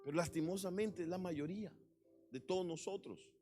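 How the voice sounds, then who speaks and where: A male pastor preaching a sermon with passion, swinging into sudden loud emphatic bursts. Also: high-pitched, normal speed, soft background music. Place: church.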